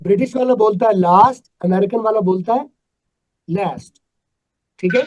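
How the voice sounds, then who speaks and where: High-voiced man teaching English. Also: fast talker, warm tone, lo-fi sound. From Pakistan. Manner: emphatic, quizzes students with repeated "right?". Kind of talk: live online class. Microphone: video call.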